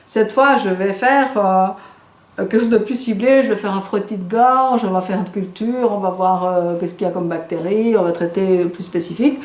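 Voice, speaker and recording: French woman, physician-trainer, animated storyteller, roomy echo. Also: medium pitch, normal speed. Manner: lively, animated storytelling with quoted dialogue. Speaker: doctor and trainer. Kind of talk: storytelling lecture. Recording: echoey room.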